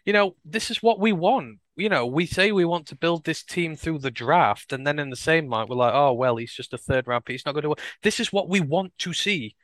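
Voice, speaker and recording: A man's voice: a little high, a bit bright, dry recording. A man talking casually and enthusiastically on a sports podcast, stressing his points. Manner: enthusiastic, emphatic, repeats words. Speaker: co-host.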